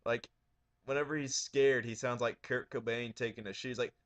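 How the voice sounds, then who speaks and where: A man with a horror DVD collection, talking casually in a raised, loud, profane voice. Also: medium pitch, fairly even intonation, normal speed. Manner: raising his voice, loud and profane. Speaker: horror DVD collector showing his shelf. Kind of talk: casual video blog.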